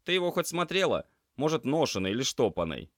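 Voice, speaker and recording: A man reading an audiobook, voicing a cheeky young male cat student who teases his friends in a loud, lifted voice. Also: medium pitch, very animated, a little fast, dry recording, studio quality, voice pushed up, close to an everyday voice. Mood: teasing. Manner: teasing, boisterous.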